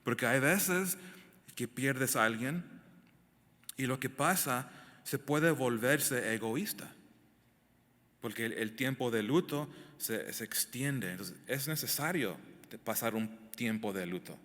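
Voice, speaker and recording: A man's voice: medium pitch, takes it slowly, fairly bright tone. A male pastor teaching a verse-by-verse Bible sermon, emphatic and asking the congregation direct questions. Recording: echoey hall, long reverb.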